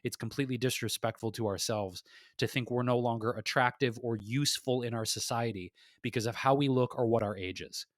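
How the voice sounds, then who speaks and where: A man rants on a podcast he co-hosts. He sounds heated and restless, swears freely and keeps restarting his sentences. His voice sits at an ordinary male pitch and is recorded dry and close. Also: brisk, dry recording. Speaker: podcast co-host. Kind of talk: impassioned casual podcast talk.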